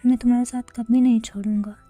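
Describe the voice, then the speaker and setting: Storybook lead, read by a woman: quiet sincere young man, soft and halting, warm mellow voice. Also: a little high, little pitch movement, faint music behind, lightly acted. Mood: pleading.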